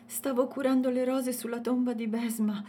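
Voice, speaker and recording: A woman's voice: a little high, little pitch movement, moderate pace, mellow, slight background noise, voice pushed up, lightly acted. A woman voicing a frightened young mother who speaks breathlessly, panting, in a storybook reading.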